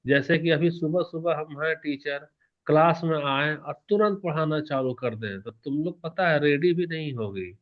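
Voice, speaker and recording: A male teacher giving an exam-prep lecture in a lively manner, asking questions and answering them himself while shifting between soft and loud. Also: on the high side, moderate pace, dull audio. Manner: animated, varies loudness and pace, asks questions and answers them himself.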